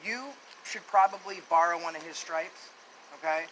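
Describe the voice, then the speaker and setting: A man filming police as a first amendment auditor, talking loudly and lecturing the officers outdoors. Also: on the high side, moderate pace, slight background noise, low-quality recording. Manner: loud, confrontational and lecturing.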